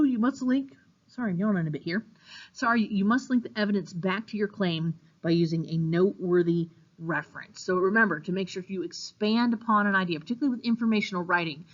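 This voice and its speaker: A woman's voice: mid-range voice, highs cut off. Woman teacher explaining writing lessons. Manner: clear, instructive, with occasional fillers. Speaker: English teacher. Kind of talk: recorded classroom lecture over slides.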